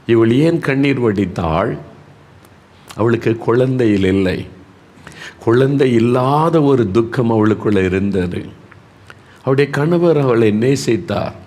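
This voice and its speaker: A man preaching a devotional sermon. He repeats words for emphasis and moves between soft, slow lines and raised, pressing ones. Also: mid-range voice, expressive.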